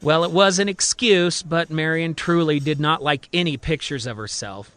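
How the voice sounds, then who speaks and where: A man's voice: on the high side, moderate pace, a bit bright, no room sound. A man narrating his own audio drama in a conversational, recapping storyteller manner. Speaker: writer and narrator.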